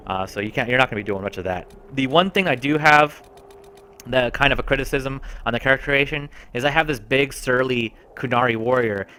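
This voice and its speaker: A man's voice: medium pitch, bright, forceful tone, clean tone. A man giving casual, enthusiastic gameplay commentary as a game reviewer. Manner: chatty and enthusiastic.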